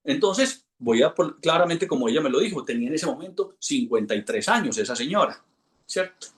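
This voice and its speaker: A man, an instructor telling a lively anecdote to a class and acting out the voices in it. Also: on the high side, fairly quick, roomy sound. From Colombia. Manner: animated storyteller, acts out quoted voices. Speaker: hypnosis instructor.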